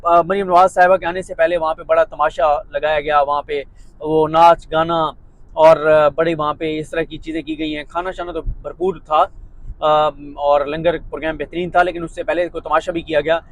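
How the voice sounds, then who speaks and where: A man's voice: on the high side, steady tone, moderate pace, rough recording. A man from Pakistan giving a sarcastic, mocking monologue of political commentary.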